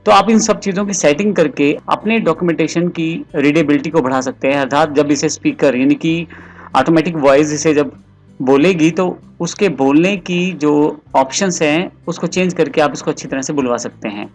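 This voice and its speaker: A man narrates a screen-recorded software tutorial, explaining each step directly to the viewer. His voice sits a little high for a man. Faint music plays behind the desktop-mic voice-over. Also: moderate pace.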